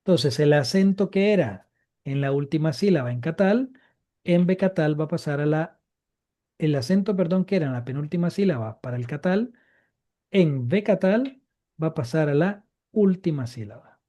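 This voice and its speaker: A man's voice: fairly high pitch, expressive, normal speed, dark tone. A man teaching a live Biblical Hebrew grammar class, explaining patiently and repeating each key point.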